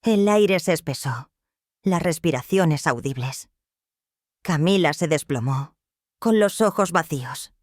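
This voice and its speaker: A text-to-speech voice narrating a melodramatic story in an even, machine-read manner. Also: medium pitch, unhurried, no room sound, studio quality.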